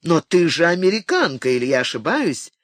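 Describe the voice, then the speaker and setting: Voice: mid-range voice, very animated, a little fast, no echo, lightly acted. An audiobook reader voicing an easygoing man who jokes and coaxes. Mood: coaxing. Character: easygoing joking man, friend.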